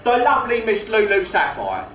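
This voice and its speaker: Man putting on a cockney gangster MC, high voice, mock-posh comedy patter, repeated phrases for emphasis, echoey venue. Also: wildly swooping pitch, moderate pace, fairly bright tone, exaggerated voice. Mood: mock-genteel patter. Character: cockney gangster compère, mock-genteel, wheedling and faintly menacing. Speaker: burlesque show compère in comedy double act. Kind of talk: live comedy patter addressed to audience. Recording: roomy live venue, distant mic, faint noise.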